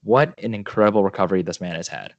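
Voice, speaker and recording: A man's voice: low voice, dry recording, highs cut off. A man co-hosting a hockey podcast, easygoing and casual as he runs through the show's list. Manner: easygoing, quick agreeing interjections. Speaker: podcast co-host. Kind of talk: casual chat and show rundown.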